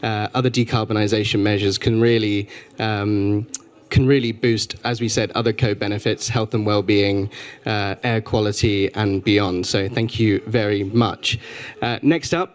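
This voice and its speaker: A man's voice: on the low side, fairly even intonation, normal speed. A man moderating a conference panel, hesitating with fillers as he introduces the next speaker.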